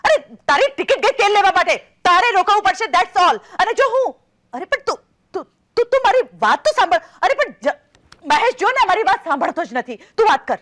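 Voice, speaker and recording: A woman's voice: extremely high pitch, very animated, a little fast, a bit bright, full character voice. An actress playing an emotional middle-aged woman in a stage play, newly separated after twenty years of marriage, who falters and stammers and then turns sharply insistent.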